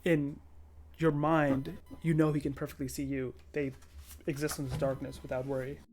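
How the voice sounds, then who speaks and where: Halting game master, noisy recording. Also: mid-range voice, little pitch movement, darkish tone. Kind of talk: improvised tabletop game narration. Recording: clearly audible background noise.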